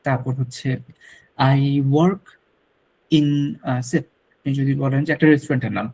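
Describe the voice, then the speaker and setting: A man's voice: mid-range voice, moderate pace, a little mellow, breathy edge, low-quality recording. A man teaching a French lesson to students, patiently repeating pronunciation drills. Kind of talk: classroom lecture.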